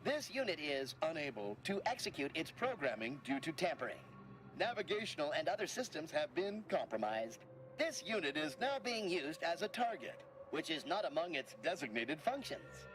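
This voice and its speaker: Malfunctioning medical robot booting up. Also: male voice, fairly high pitch, big pitch swings, normal speed, low-quality recording. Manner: stiff, formal robotic phrasing, calls itself this unit. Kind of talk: video game dialogue. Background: game music.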